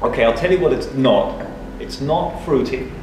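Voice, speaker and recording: A young man hosts a casual coffee tasting in a small, dim cafe, thinking aloud enthusiastically in a medium-pitched voice with lively intonation at normal speed. A far camera mic makes the sound roomy and distant, with background music and background noise.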